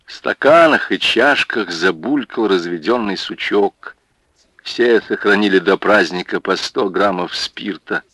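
Slow, lively-pitched male narrator. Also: no room sound. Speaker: audiobook narrator. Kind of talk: scripted narration.

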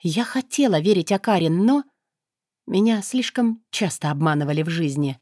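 A woman's voice: fairly low pitch, normal speed, no room sound, studio quality. Woman reading a first-person audiobook. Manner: lively, sarcastic, emotional reading. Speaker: audiobook narrator.

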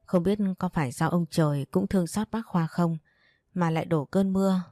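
A woman narrating a sad story in a steady, somber storytelling voice. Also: fairly low pitch, moderate pace, no echo, studio quality. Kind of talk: scripted audiobook narration.

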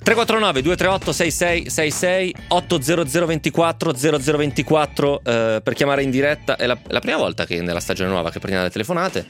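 A man's voice: fairly high pitch, animated, quick pace, few pauses, a bit bright. A man hosting a casual, improvised live radio show, bantering with listeners in digressive, self-mocking asides. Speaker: radio host taking listener calls and reading messages.

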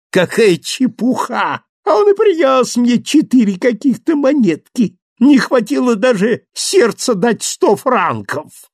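A man's voice: high voice, vocal fry, no echo, clean studio sound, voice pushed up, exaggerated voice. A man voicing a greedy, vicious middle-aged innkeeper villain, gloating and snarling in an audiobook reading.

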